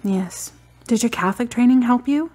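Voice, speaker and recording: Playing a guarded, stubborn, wry daughter in a radio drama, this actress has a husky voice with a dry, deliberate delivery. Her natural, mellow voice sits on the high side.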